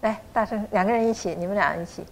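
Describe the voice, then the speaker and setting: A middle-aged woman teaching a class to pronounce a chant, patiently encouraging students and sounding out syllables slowly. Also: medium pitch, gravelly, a little hiss or hum. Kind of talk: pronunciation lesson.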